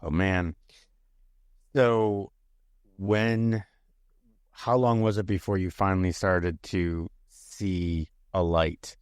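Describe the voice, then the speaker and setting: Deep-voiced man hosting an interview. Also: fairly even intonation, slow pace, long pauses, smooth, no room sound, studio quality. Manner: searching, loosely phrased questions. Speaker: podcast host. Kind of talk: conversational interview.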